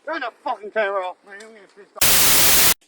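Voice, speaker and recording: A rambling, cranky drifter with a high, reedy voice, played by a man in an improvised comedy bit. He drawls and wanders off track, and loud traffic noise fills the outdoor recording. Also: moderate pace, natural voice. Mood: irritated. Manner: rambling, drawling, calls everyone "boy".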